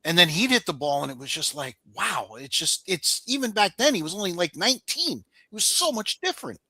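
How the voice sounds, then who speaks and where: A man with a bright, forceful voice in a dry, close recording, hosting a sports talk show. He recaps events conversationally, stopping on an "um" or "uh" now and then, a bit higher pitched than most men. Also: big pitch swings, a little fast, no room sound.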